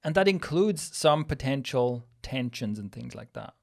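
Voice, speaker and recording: A man's voice: medium pitch, expressive, unhurried, vocal fry, darkish tone. Reflective man on a studio podcast. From Switzerland. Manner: reflective, thinking aloud with many restarts. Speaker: podcast co-host. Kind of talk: casual podcast conversation. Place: small studio room with plant wall. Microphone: studio mic on boom arm, headphones.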